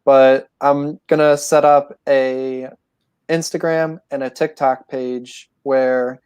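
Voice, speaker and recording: A young man in his twenties, a guest calmly explaining his plans. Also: medium pitch, takes it slowly, smooth. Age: 20s. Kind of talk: casual interview.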